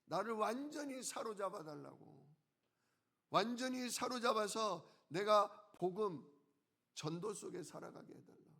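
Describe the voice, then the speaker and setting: A male pastor preaching a sermon, who asks the congregation questions and answers them himself, and slows down to stress key words. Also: high voice, animated, vocal fry, sharp tone, breathy edge.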